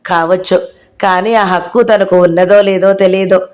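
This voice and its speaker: A woman's voice: medium pitch, fairly even intonation, moderate pace, darkish tone. A woman narrating a novel aloud as an audio-book reader, reading out every character herself.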